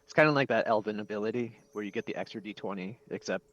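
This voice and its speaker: A man's voice: on the low side, fast talker, a bit bright, muffled recording, a little hiss or hum. A man playing in a tabletop game, joking and playful with the group. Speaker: player. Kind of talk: casual tabletop game chat.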